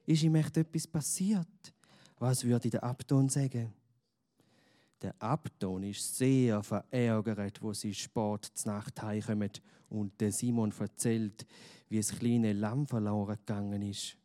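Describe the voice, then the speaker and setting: A man narrating a children's story gently, with questions to the listener. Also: medium pitch, measured pace.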